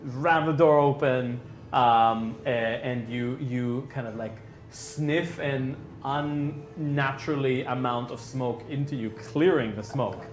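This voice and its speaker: A man's voice: mid-range voice, slow pace. A male game master narrating a tabletop game in a loose, casual way, restarting sentences and swearing freely. He sounds roomy, with faint music underneath.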